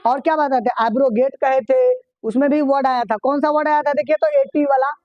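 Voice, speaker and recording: A man's voice: very high voice, steady tone, brisk, no room sound. A male teacher giving a classroom vocabulary lesson, asking the class questions, repeating the answers and spelling words out letter by letter. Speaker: English teacher. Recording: dull, dry lo-fi recording.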